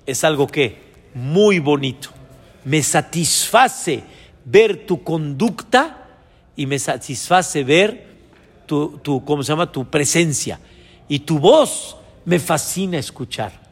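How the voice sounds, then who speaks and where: A man, a rabbi giving an animated sermon who acts out little dialogues. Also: fairly high pitch, slow, husky. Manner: animated, acts out dialogues between father and son. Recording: long hall reverb.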